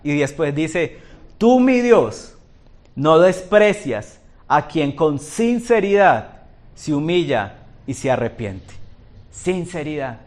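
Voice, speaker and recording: A man's voice: a little high, sing-song, slow, darkish tone. A male pastor preaching a sermon in a church, asking the congregation rhetorical questions.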